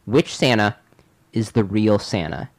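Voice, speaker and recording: A man playing an exasperated, self-important software developer, halting and pedantic. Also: fairly low pitch. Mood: exasperated, angry.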